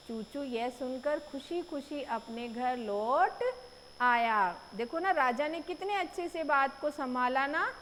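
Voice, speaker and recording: A woman's voice: sits high, fairly bright tone. A woman teacher reading a story aloud to young children and patiently explaining words. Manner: patient, explaining, tag questions. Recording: echoey room, faint noise.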